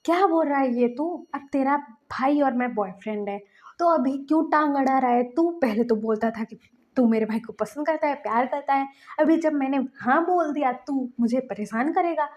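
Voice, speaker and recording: A woman's voice: sits high, normal speed, a little mellow, lo-fi sound, close to an everyday voice. A woman doing an exasperated lovestruck young man. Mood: earnest, protesting. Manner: pleading, protesting, casual slang.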